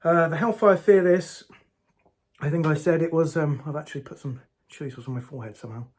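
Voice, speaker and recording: Chatty guy doing a sauce review vlog, kinda high voice, husky, talks right to the camera. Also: fairly quick. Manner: chatty, talks straight to viewers as "guys". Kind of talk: casual food review vlog.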